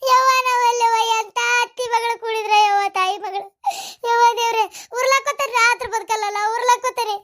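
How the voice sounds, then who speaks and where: A woman's voice: very high voice, steady tone, a little fast, pushed and bright. A woman voicing a chatty, defensive middle-aged mother in a cartoon, speaking fussily in a North Karnataka Kannada accent. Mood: fussing. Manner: fussy, sing-song, fond of proverbs.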